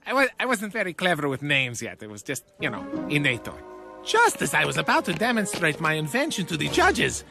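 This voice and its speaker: A man's voice: fairly high pitch, wildly swooping pitch, brisk, vocal fry, heavily acted. A man voicing an eccentric middle-aged cartoon inventor, nasal and wildly swooping. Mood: whiny nostalgic. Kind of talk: cartoon dialogue. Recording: cartoon clip with background music.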